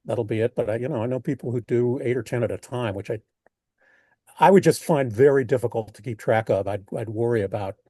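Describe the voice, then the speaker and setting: Older American man, mellow and halting. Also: mid-range voice, slightly rough, dry recording. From United States. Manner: halting, thoughtful, rephrases mid-sentence. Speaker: poet being interviewed. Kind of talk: reflective interview talk.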